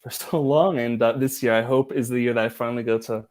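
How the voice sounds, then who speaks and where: A man hosting a language-learning livestream, chatting in a relaxed, rambling way and laughing easily. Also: mid-range voice, fast talker. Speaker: livestream host. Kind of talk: casual livestream chat.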